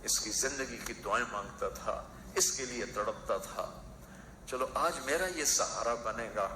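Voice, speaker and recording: A man's voice: medium pitch, sharp tone, slight background noise. A man preaching an emotional sermon in rhythmic, repeating phrases. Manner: impassioned, rhythmic repetition. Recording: echoey hall with faint ambience.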